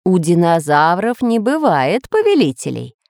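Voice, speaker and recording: A woman doing a calm, learned geographer. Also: lowish voice, unhurried, no echo, studio quality. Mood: explaining. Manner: calm, explanatory.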